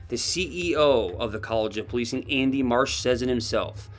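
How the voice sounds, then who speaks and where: A man's voice: medium pitch, normal speed, soft background music. A man delivering scripted true crime commentary, pressing skeptical questions with pointed emphasis.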